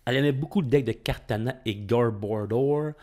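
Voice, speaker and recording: A middle-aged man with a Québécois French accent, giving excitable, casual commentary while opening trading cards and thinking aloud. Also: medium pitch, normal speed. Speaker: card-opening YouTuber.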